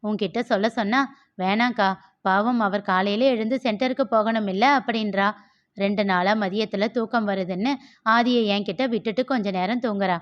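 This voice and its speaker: A woman's voice: mid-range voice, moderate pace, close to an everyday voice. Woman voicing a chatty elder sister-in-law. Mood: chiding. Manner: coaxing, chatty. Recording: dull lo-fi.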